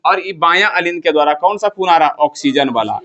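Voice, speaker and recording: A man's voice: on the high side, expressive, fairly quick, fairly bright tone, highs cut off. A man teaching a class, firing questions at the students and repeating the key terms. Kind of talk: classroom lecture.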